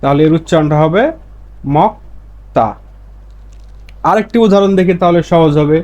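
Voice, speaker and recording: A man with a somewhat high voice teaches a pronunciation lesson. He is patient, repeats each example slowly, and asks himself questions before answering them. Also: darkish tone. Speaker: language teacher.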